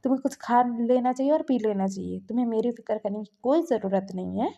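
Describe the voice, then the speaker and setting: A woman doing a curt, dismissive young patient in a read-aloud story, slightly high and mellow. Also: fairly quick, gravelly, highs cut off. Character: curt young man just recovering in bed.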